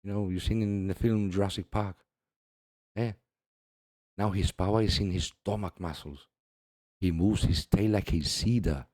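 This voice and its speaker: Deep, dark-voiced man discussing scripture. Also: steady tone, moderate pace, long pauses, no echo, studio quality. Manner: reads scripture aloud, laughs often, repeats "see". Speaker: religious video host. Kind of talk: casual religious commentary.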